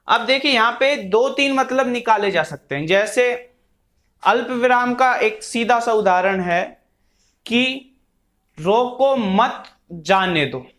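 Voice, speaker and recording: A male teacher walks through a grammar lesson at a deliberate, unhurried pace, his voice sitting fairly high for a man. He explains patiently with simple everyday examples and dictates words one at a time as he writes them out. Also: fairly bright tone. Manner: slow, dictating words one by one while writing.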